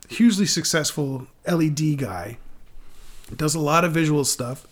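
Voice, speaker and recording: A man in his forties speaking in a somewhat high register for a man. He rambles and restarts his sentences often, swearing casually as he talks things through on a podcast. The tone is open and unguarded. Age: 40s. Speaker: guest.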